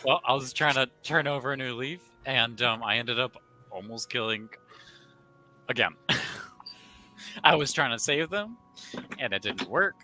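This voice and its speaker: A playful man taking part in a tabletop role-play session, his voice very bright and tense, laughing often. Faint music plays behind him. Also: mid-range voice, expressive, a little slow, pauses often, poor audio. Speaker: player.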